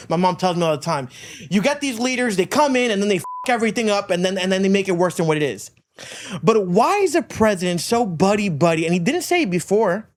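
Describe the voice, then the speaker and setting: A man from Florida hosting a podcast, ranting casually with lots of profanity and repetition. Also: high-pitched. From Miami, United States. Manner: profane, emphatic, repeats himself. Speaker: podcast host.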